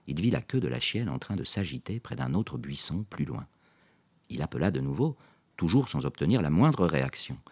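Deep-voiced man reading a story. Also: husky. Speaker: audiobook narrator. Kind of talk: scripted narration.

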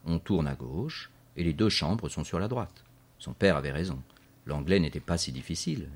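A man reading a children's story aloud in a measured, clear narration. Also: extremely low pitch, a little mellow.

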